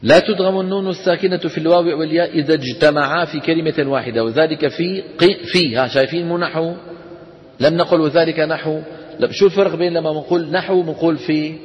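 A man's voice: on the high side, fast. A man teaching the rules of Quran recitation to a class. He explains step by step, asks his students questions and chants the verse examples. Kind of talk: classroom lesson on tajweed. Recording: dull sound with long reverb.

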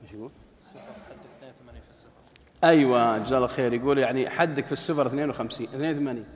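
A man's voice: medium pitch, racing. A man preaching, telling stories and acting out dialogue, joking with a live audience. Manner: lively, jokes with the audience, acts out dialogue. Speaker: preacher giving a lecture. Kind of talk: religious lecture with storytelling. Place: lecture hall with live audience. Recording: echoey hall.

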